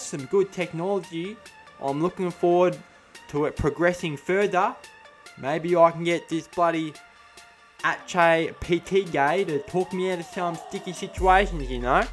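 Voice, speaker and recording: A man's voice: a little high, a bit bright, close to an everyday voice. A young man in his twenties with an Australian accent, playing a cocky, combative eshay lout in comedic commentary full of eshay slang. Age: 20s. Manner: eshay slang, tacks 'bah' onto sentences. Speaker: comedy host reacting to a chatbot. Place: small room at home, indoors. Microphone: close studio mic on boom arm.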